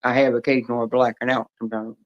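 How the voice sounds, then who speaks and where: A man's voice: mid-range voice, flat delivery, fast. A man chatting casually on a stream, rambling through long stories. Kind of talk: casual chat. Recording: dull lo-fi stream audio.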